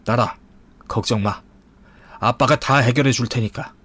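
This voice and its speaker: A man's voice: mid-range voice, moderate pace, a bit bright, close to an everyday voice. A man voicing a confident, protective older father who speaks firmly and reassuringly. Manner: firm, reassuring.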